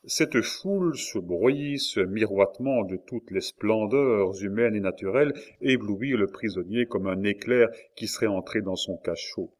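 A man narrating an audiobook in a measured, solemn way. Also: fairly low pitch, a little mellow. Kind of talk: audiobook reading.

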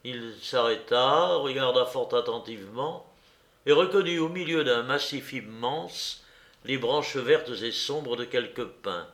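A man reads a classic novel aloud in a measured, expressive narration. His voice sits at an ordinary middle pitch. The recording carries a noticeable roomy echo. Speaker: audiobook narrator. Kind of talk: literary audiobook narration.

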